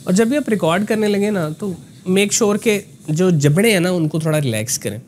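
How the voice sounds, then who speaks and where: A man giving a conversational voice lesson with a slightly raised pitch. He explains step by step, dotting his sentences with tag words and English phrases. Faint noise sits behind him. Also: animated, a little fast, a little mellow. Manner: explanatory, mixes in English phrases, frequent "ना" tags. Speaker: voice coach.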